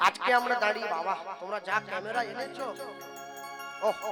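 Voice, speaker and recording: Male kirtan preacher, very high voice, folksy storyteller, loud instruments behind. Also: brisk, loud music behind the voice. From West Bengal. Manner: folksy storytelling, acts out dialogue, rhetorical questions. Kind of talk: kirtan sermon to a live audience. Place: evening religious gathering on stage. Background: musical instruments.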